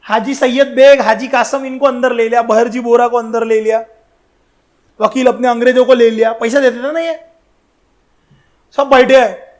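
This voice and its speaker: A man giving a history lecture in a colloquial storytelling style, animated and speaking straight to his listeners with slangy asides. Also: very high voice, moderate pace, pauses often. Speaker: history educator.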